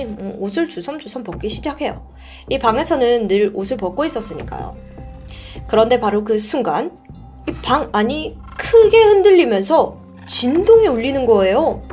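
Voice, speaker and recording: A woman's voice: on the high side, darkish tone. A woman host telling a true story in a casual, chatty way, often putting questions to the listener.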